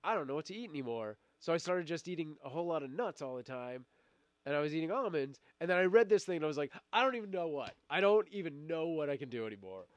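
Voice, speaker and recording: A middle-aged man, fighting a cold, hosts a casual live stream where he chats and reads viewer comments. His voice is fairly high with big pitch swings, and he talks fast, rambling with lots of fillers and restarts and laughing often. The recording is dry.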